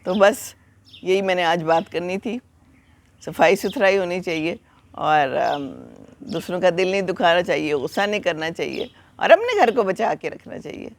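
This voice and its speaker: A middle-aged woman with a Pakistani Urdu accent, talking casually to her viewers in a chatty, gently preachy way and calling them children. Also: lowish voice, lively intonation. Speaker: vlogger. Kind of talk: casual talk to camera.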